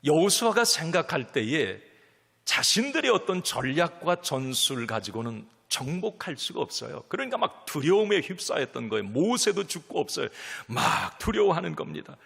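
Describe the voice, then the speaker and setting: Gravelly, lively pastor preaching a sermon. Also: male voice, on the high side, normal speed, long reverb tail. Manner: emphatic preaching, swinging to near whispers.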